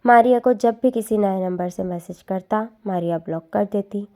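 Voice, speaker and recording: A woman narrating a dramatic story in a steady, earnest scripted reading. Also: mid-range voice.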